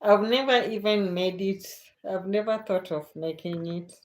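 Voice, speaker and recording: This is a Kenyan woman with a medium-pitched voice, talking at normal speed. She's hosting a casual late-night livestream, going through viewer comments in an unhurried chat and laughing frequently.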